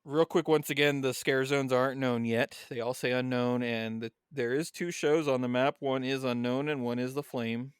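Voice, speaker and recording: A man's voice: medium pitch, steady tone, moderate pace, few pauses, clean tone, no room sound, clean studio sound. A man co-hosting a podcast in a casual chat, reading background notes aloud and then chatting loosely. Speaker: podcast co-host.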